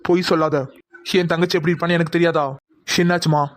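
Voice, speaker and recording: A woman voicing a protective older brother in a cartoon, firm and gently coaxing his sister. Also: fairly low pitch, little pitch movement, quick pace, dry recording, lightly acted. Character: calm protective elder brother, young man.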